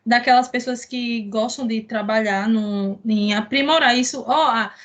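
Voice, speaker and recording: A woman hosts a relaxed conversation and talks a bit higher than most. She wanders through her thoughts and keeps tossing in little tag questions to check in with her guest. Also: measured pace. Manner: rambling, with frequent tag questions. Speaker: host. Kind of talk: casual conversation.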